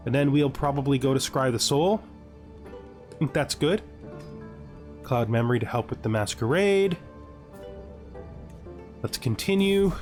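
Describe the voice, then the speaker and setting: With music in the background, a gaming video host talks through his playthrough in a mid-range, slightly mellow voice full of lively intonation. He speaks a little slowly and pauses often, musing aloud and reading text from the screen.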